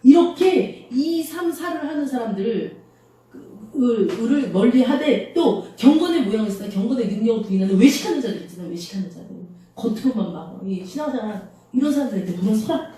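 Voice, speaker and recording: A woman's voice: a little high, lively intonation, a little fast, mellow. A woman pastor preaching a sermon in a small church, talking conversationally and asking the congregation rhetorical questions. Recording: very echoey room, voice from far off.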